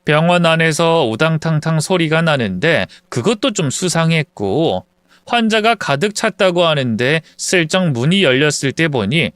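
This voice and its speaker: A man's voice: fairly high pitch, animated, moderate pace, a bit bright, clean tone, no room sound. A man narrating a first-person story in a confiding, conversational retelling.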